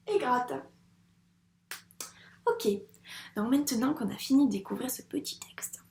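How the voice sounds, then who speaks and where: A woman teaching reading to young children, speaking in a patient, encouraging, slow and careful way. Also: fairly high pitch, darkish tone, roomy sound. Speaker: first-grade teacher.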